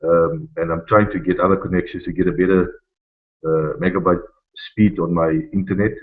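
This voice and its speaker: A South African man on a webinar call over a bad, breaking-up internet connection, talking in a halting way with many restarts. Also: low voice, steady tone. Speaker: webinar guest speaker. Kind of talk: casual talk on a webinar call. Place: his house. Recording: tinny, phone-like internet call line.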